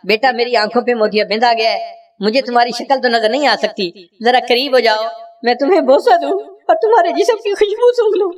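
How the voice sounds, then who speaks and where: A man's voice: very high-pitched, far from the mic. A man voicing a frail, loving old blind mother, speaking in a pleading, prayerful way within a sermon story. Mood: tender.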